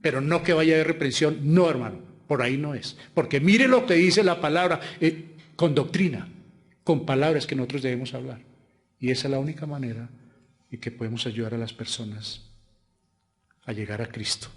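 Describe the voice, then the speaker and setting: A man preaching a sermon as pastor, with a Colombian Spanish accent, asking rhetorical questions and swinging between loud emphatic lines and quiet asides. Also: mid-range voice, moderate pace.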